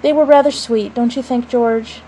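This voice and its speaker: A placid, affectionate storybook mother, voiced by a woman narrator, tender and soothing. Her voice sits fairly high, with slight noise on the recording. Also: steady tone, moderate pace, mellow, lightly acted, low-quality recording. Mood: wistful. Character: gentle, placid, affectionate Edwardian mother and wife.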